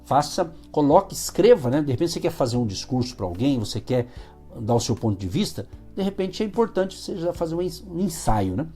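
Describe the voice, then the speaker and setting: A man's voice: fairly high pitch, sing-song, a little fast, dark tone, breathy edge, faint music behind. A man with a Brazilian Portuguese accent hosting a radio devotional, explaining Bible verses in a conversational way with frequent tag questions. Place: radio studio.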